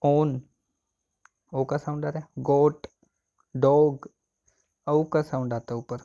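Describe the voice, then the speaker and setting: A man's voice: fairly high pitch, fairly even intonation, a little fast, dark tone, muffled recording. A man teaching an exam coaching lesson, asking questions and answering them himself. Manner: asks and answers own questions.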